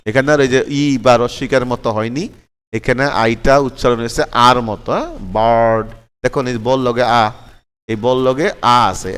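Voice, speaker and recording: In a large hall, a man with a mid-range, slightly bright voice teaches English letter sounds. He spells words out letter by letter, repeats them patiently, and often checks in with his learners.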